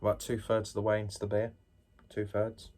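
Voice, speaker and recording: Male reviewer, fairly low voice, informal and musing, talking viewers through a tasting with self-deprecating asides. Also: monotone, brisk, a little mellow. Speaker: beer reviewer, host.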